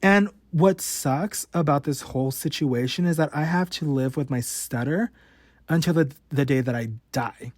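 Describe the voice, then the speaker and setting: A man in his twenties with a voice on the high side hosts a podcast, talking frankly about his life at a moderate pace and cursing frequently. He stutters with repeated words and cut-off sounds, and the recording is dry.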